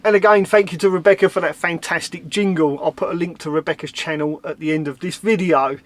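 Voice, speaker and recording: A man's voice: fairly high pitch, steady tone, quick pace. Chatty Cockney man vlogging from his van. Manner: chatty and self-mocking, with easy laughs. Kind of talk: casual vlog chat to camera. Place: inside a camper van, seated.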